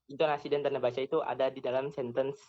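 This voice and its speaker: Male student, mid pitch, hesitant answers with fillers, muffled recording. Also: flat delivery, racing, a little mellow. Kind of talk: classroom discussion.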